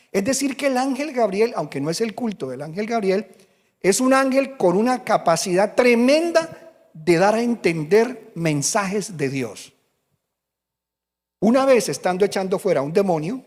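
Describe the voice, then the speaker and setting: A pastor preaches emphatically in a high voice, moving through a story. His words carry a long reverb from a church hall. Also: a little mellow. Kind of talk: sermon.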